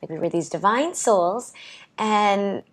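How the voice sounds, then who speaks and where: Wearing a clip-on mic as an interview guest, a young woman rambles casually and gestures while speaking, peppering her talk with "like" and "you know what I mean." Her voice is mid-range with lively intonation, and she takes it slowly.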